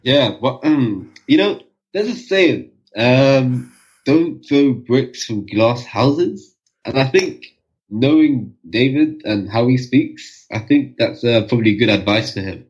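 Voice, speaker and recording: A man's voice: mid-range voice, animated, takes it slowly, husky, highs cut off. A man co-hosting a football podcast, laid-back and joking. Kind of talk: casual joking podcast chat.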